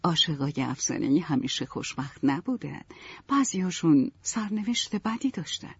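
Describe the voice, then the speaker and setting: Woman playing a soft-spoken middle-aged mother, husky voice, dull dry lo-fi storybook audio. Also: low voice, sing-song, no echo, heavily acted. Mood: motherly. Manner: gentle, motherly.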